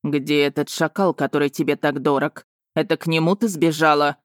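A woman's voice: low-pitched, fairly even intonation, moderate pace, no room sound, clean studio sound, close to an everyday voice. A woman voicing a harsh, menacing male dragon lord in an audiobook, mocking and snarling. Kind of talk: audiobook character voice.

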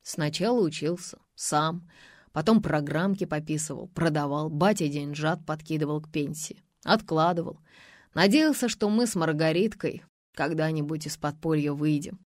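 A woman doing a scared young man, pleading, defensive, low voice, dry close sound, audiobook. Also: moderate pace, darkish tone, no echo, natural voice. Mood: wistful. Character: frightened young man, a cornered deserter.

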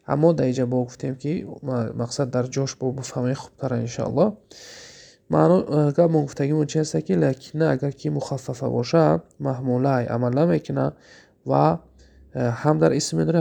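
A man with a Tajik accent teaches a grammar lesson in a gravelly, mid-pitched voice. He poses questions to his listeners and then answers them himself. He slows down to recite each Arabic example. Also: a little mellow.

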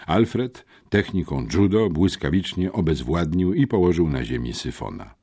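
An older man narrates an audiobook with a low, husky voice. His delivery is animated, rising and falling widely in pitch as the story moves along. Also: normal speed. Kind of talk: scripted narration.

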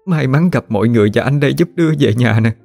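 A male storyteller voicing a hoarse young wife pleading with the villagers. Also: medium pitch, quick pace, a little mellow, soft background music, pitched above the performer's own voice. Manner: pleading, urgent.

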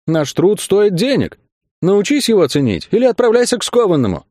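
A man voicing a calm, firm young acrobat who argues steadily. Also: high voice, a little fast, no room sound, studio quality. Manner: steady and persuasive.

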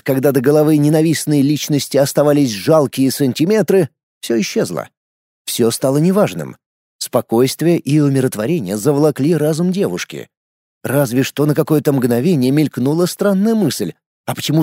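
Expressive male audiobook narrator. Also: medium pitch, dry recording, clean studio sound. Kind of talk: scripted fantasy narration.

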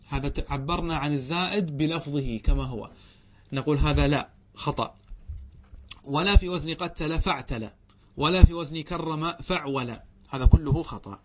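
A sheikh giving a classroom lecture, often asking the class a question and answering it himself, drawing out words slowly. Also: male voice, fairly high pitch, a little hiss or hum. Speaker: sheikh teaching a classical text.

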